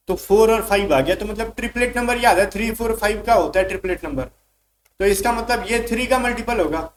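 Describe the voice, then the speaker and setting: High-voiced man teaching exam math. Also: a bit bright, slight background noise. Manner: calls students "bhai", reads English questions slowly. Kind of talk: exam-prep math lesson.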